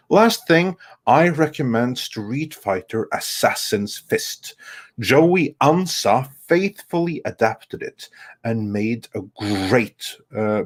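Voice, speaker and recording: On a live stream panel, a man co-hosts by reading viewer messages aloud and adding his own remarks. His voice sits on the low side, and his halting delivery stretches out some words.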